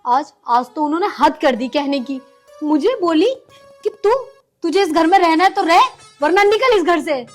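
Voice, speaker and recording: An actress playing a dutiful young daughter-in-law who speaks earnestly and pleadingly. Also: female voice, extremely high pitch, lively intonation, normal speed, faint music behind.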